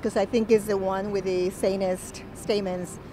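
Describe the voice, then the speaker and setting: A middle-aged woman answering a street interviewer's question into a handheld mic outdoors, talking frankly and quickly. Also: mid-range voice, flat delivery, background noise. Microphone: handheld mic held by interviewer.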